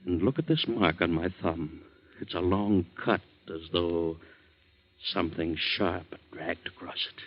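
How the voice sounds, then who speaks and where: A frightened, pleading husband with a lowish voice. He talks nervously and urgently, as in 1940s radio acting. It comes through dull, muffled old AM radio. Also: a little slow. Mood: anxious. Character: anxious, frightened married man. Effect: old AM radio broadcast sound.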